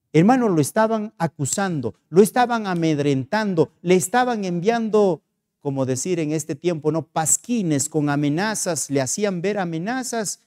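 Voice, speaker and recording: Preaching with a Peruvian Spanish accent, this pastor weaves in stories and asks sincere rhetorical questions. He has a mellow voice that runs a little high.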